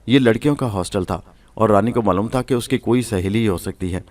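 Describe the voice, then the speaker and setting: A man's voice: lowish voice, darkish tone, distant mic. A man narrating a story from a script and reading every part in his own voice.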